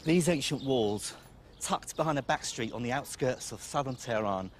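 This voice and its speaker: A man's voice: medium pitch, normal speed, a little hiss or hum. Middle-aged man narrating a documentary. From Iraq. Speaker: documentary presenter. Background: music.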